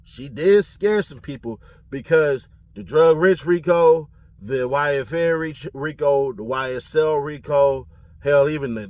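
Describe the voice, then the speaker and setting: A man from California giving casual commentary on his channel, animated and slangy, often laughing. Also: on the high side. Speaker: commentary vlogger.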